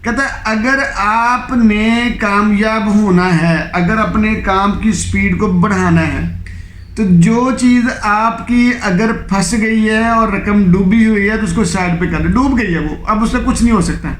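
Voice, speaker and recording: A man's voice: high-pitched, a bit bright, roomy sound, a little hiss or hum. A man presenting a book summary as an informal lecture, explaining in plain terms and often checking in with the listener.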